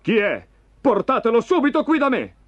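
A man's voice: a little high, animated, moderate pace, background noise, voice pushed up, lightly acted. King Saul, a man doing an indignant king. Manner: exclaiming, urgent. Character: anxious, indignant old king. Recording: dull lo-fi recording with music.

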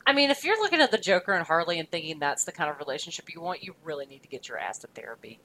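A woman's voice: lowish voice, sing-song, very fast, pushed and bright, slight background noise, rough recording. A woman co-hosting a podcast in casual chat, sarcastic and swearing freely. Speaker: podcast co-host.

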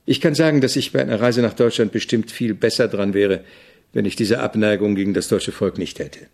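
Grumbling but candid, an irritable, opinionated avant-garde composer speaks in a German radio drama, voiced by a male actor. His fairly low voice is gravelly and husky, and his delivery is slow and deliberate, like a teacher's.

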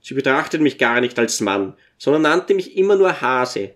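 A man's voice: mid-range voice, big pitch swings, normal speed, a bit bright. A man reading aloud and voicing a bashful old dwarf servant who speaks humbly and timidly. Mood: humble. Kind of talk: audiobook character voice.

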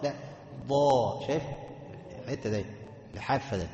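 A man with an Egyptian Arabic accent teaching Quran recitation, chanting sounds slowly and then explaining them quickly. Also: medium pitch, dark tone, highs cut off. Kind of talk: tajweed lesson to students. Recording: echoey hall reverb.

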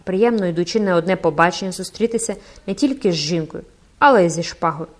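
A cocky young officer with a loud, brash delivery and a quick temper, as a woman reader puts him on. He swaggers through every line of this storybook audiobook. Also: lowish voice, close to an everyday voice. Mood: brash, ironic. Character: proud hot-tempered young male cavalry captain.

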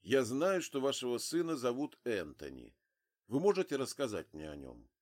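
A man doing a calm, firm negotiator. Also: mid-range voice, normal speed, close to an everyday voice. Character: calm male official, steady negotiator.

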